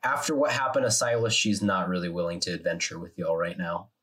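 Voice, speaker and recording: A man's voice: low voice, fairly even intonation, fairly quick, fairly bright tone. A man narrating casually as game master, improvising with some hesitation as he goes.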